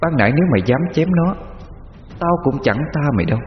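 A man's voice: medium pitch, animated, fast talker, slight background noise, voice pushed up, natural voice. A man voicing a stern, regal female mother goddess who scolds and commands, in a muffled recording with long reverb. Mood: imperious.

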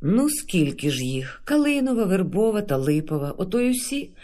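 Very young lad, gentle, boyish, eager, read by a man. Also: high-pitched, very animated, moderate pace, pitched above the performer's own voice.

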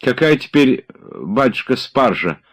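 A man voicing a quick-witted housekeeper woman with a practical, brisk manner. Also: mid-range voice, big pitch swings, voice pushed up.

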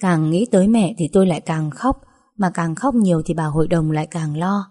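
A woman's voice: fairly low pitch, brisk, dark tone. A young woman narrating a first-person story in a chatty, emotional way with playful asides.

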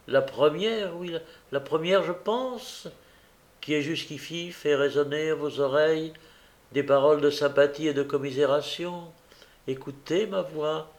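A man's voice: a little high, close to an everyday voice. Desperate young woman pleading tearfully, read by a man. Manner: fervent, anguished pleading.

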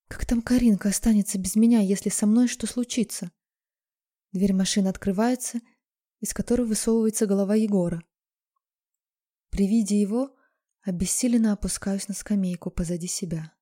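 Mellow-voiced woman narrating a story. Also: mid-range voice, fairly even intonation, normal speed. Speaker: audiobook narrator. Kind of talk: first-person story narration.

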